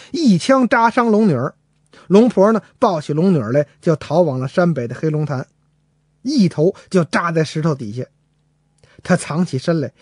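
A man's voice: high-pitched, darkish tone, no room sound, clean studio sound. A man telling a folk legend in a chatty way, speaking to the listener directly. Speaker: storyteller. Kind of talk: traditional oral storytelling.

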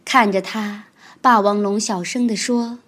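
A woman reading a children's picture book aloud, with expressive storytelling. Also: mid-range voice, a little slow.

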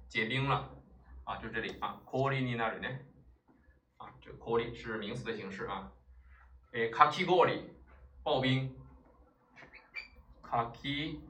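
A man's voice: mid-range voice, pushed and bright. A man teaching a Japanese vocabulary class, explaining patiently and often checking in with his listeners. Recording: roomy echo, mic at a distance.

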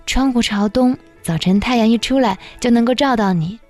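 A woman's voice: on the high side, normal speed, a little mellow, faint music behind, lightly acted. A woman voicing a clumsy, devoted male monkey who speaks earnestly and eagerly.

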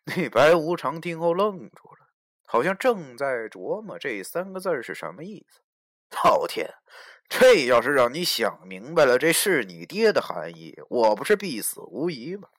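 A man narrating a novel dramatically, shifting between hushed whispers and loud outbursts. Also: medium pitch, sing-song, normal speed. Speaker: audiobook narrator. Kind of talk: dramatic storytelling.

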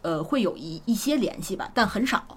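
A woman's voice: medium pitch, lively intonation, brisk, breathy edge. A woman from Beijing with a Beijing accent, chatting casually as a podcast guest and often repeating her words. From Beijing, China. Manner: repeats short agreements and words. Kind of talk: casual conversational chat.

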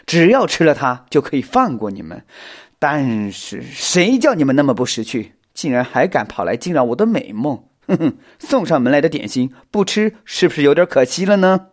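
A man's voice: on the high side, very animated, moderate pace, voice pushed up. A man voicing an arrogant, ruthless giant wolf spider in a children's audio story, talking in a boastful, taunting way. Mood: gloating.

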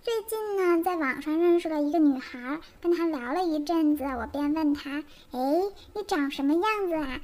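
A woman's voice: sits high, normal speed, hardly any pauses, a little mellow, voice pushed up, close to an everyday voice. A woman voicing a goofy young male joke-teller, telling a comic joke in a singsong, bouncy, exaggerated way.

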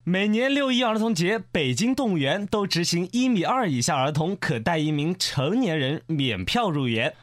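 A male radio comedy host reading out a news item in a lively, comic way. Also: a little high, normal speed, hardly any pauses.

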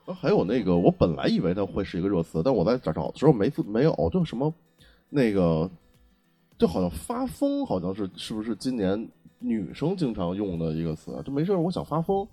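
A man's voice: on the low side, sing-song, brisk, dark tone, breathy edge, faint music behind. A man co-hosting a casual chat, introducing and explaining Chinese internet slang. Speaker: podcast co-host.

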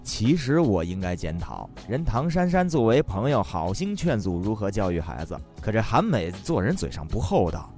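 A man with a Northeastern Mandarin accent hosting a radio comedy, telling stories in a teasing, lively way. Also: lowish voice. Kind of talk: comic storytelling. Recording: faint background music.

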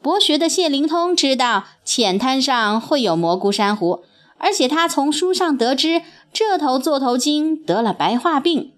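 Woman narrator, children's story, lively sing-song, fairly high voice, faint music behind. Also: a little slow.

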